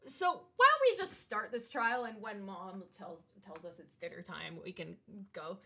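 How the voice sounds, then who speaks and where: A young adult woman chatting casually through a game playthrough, excitable, giggly and dramatic. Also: mid-range voice, moderate pace, a little hiss or hum. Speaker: gamer voicing the characters.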